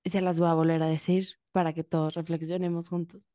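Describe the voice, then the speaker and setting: A woman co-hosting a casual podcast, reflective and unhurried in how she explains things. Her voice sits a bit low and sounds warm and soft. The sound is dry and close, with no room around it. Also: no echo. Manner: reflective, explains calmly with many fillers. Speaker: podcast co-host.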